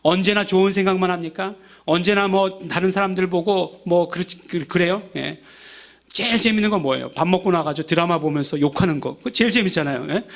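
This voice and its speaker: A male pastor preaching with a high, gravelly voice. He talks in an easy conversational way, keeps asking the congregation questions and checking "예?", and slips into playful quoted asides. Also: fairly quick. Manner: acts out everyday grumbling in quoted asides. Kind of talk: sermon.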